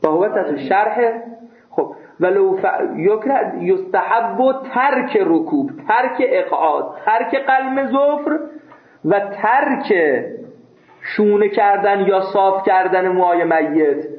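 A man's voice: high voice, animated. A man teaching a seminary class. He reads a text phrase by phrase and explains each part plainly, sometimes with a joke. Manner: reads phrases aloud then explains them plainly, with jokes. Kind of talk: classroom text lesson, reading and translating. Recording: echoey room over a phone-like line.

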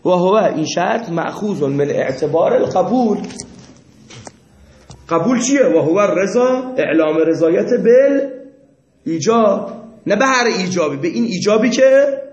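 Guy with a fairly high voice teaching a class, quizzing students, roomy muffled recording. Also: animated. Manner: explains by example, quizzes students. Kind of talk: classroom lecture. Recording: echoey room, muffled lo-fi sound.

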